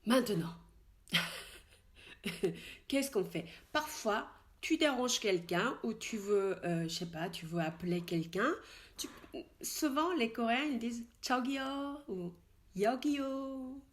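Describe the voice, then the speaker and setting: A woman's voice: fairly high pitch, lively intonation. Woman teaching in hesitant French. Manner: slow, repeated model pronunciations of Korean words; hesitant French with many fillers and restarts. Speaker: Korean language teacher. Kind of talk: casual spoken language lesson.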